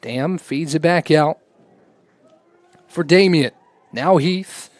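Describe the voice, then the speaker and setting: A man's voice: on the high side, slow, dry recording. A man giving live play-by-play commentary on a lacrosse game. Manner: raises voice to a shout on goals.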